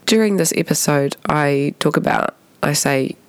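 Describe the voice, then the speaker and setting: Croaky New woman hosting a podcast. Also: low-pitched, moderate pace, no echo. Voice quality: croaky, with creaky starts. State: sick, hoarse. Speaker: podcast host. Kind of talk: casual podcast introduction.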